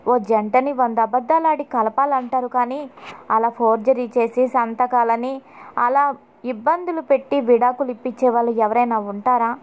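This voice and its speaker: A woman's voice: a little high, moderate pace, highs cut off, lightly acted. A woman voicing a distressed young wife who insists on her story, read in her own voice. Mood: insistent.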